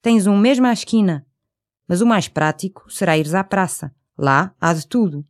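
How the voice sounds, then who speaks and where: Female language-course reader, European Portuguese, slightly low register, careful scripted delivery. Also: animated, normal speed. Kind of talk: scripted language-lesson dialogue.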